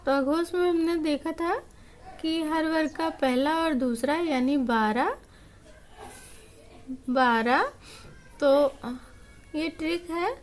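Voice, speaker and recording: A woman's voice: high-pitched, fairly even intonation, slow pace, darkish tone, slight background noise. A woman teaching a grammar lesson, explaining patiently and repeating each point step by step.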